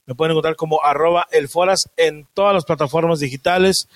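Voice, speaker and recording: A man's voice: a little high, fairly even intonation, brisk, no echo. A man, the host of a comedy podcast, teasing and swearing in casual chat. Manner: crude, teasing, swears a lot.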